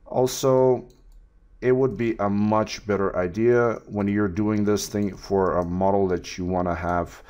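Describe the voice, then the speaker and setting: A man teaching a 3D texturing tutorial over a screen recording, talking in a relaxed way with many fillers and restarts. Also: fairly low pitch, a little slow, clean tone. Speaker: 3D art tutor.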